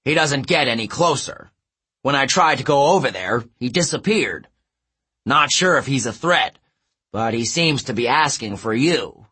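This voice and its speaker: A man voicing a gruff, boastful male satyr coach in an audiobook, with a husky, blustery delivery. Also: mid-range voice, expressive, sharp tone. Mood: brash. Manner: blustery, boastful, talks fast in bursts. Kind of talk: audiobook character voice.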